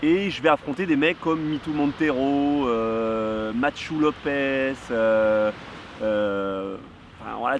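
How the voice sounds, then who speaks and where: A man, casually telling a kitesurfing story outdoors, animated and full of fillers. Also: a little high, a little hiss or hum. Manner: lively, animated, heavy on fillers. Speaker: kitesurf vlogger. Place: outdoors near a surf spot.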